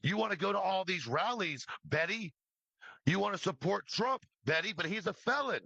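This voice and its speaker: Aimed at an absent person, this fiery, scolding rant comes from a male true crime livestreamer who swears freely and leans on emphatic repeated phrases. He speaks at a moderate pace in a high, gravelly, sharp-toned voice with lively intonation. The audio is dry, and the highs are cut off.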